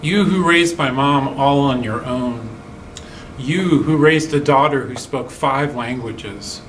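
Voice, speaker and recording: A middle-aged man performing a dramatic elegy in a measured, poetic, sorrowful and wistful way, with deliberate pauses. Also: mid-range voice, fairly bright tone. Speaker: monologue performer. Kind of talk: dramatic spoken elegy monologue. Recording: distant mic, faint room hum.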